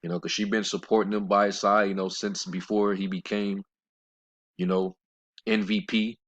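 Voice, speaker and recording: A deep-voiced man rambles through scripture commentary, full of fillers and blunt, scornful asides. He reads the verses in a slower, measured cadence. The recording sounds dull and lo-fi. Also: little pitch movement, fairly bright tone. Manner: rambling, with many fillers and restarts. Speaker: religious commentator.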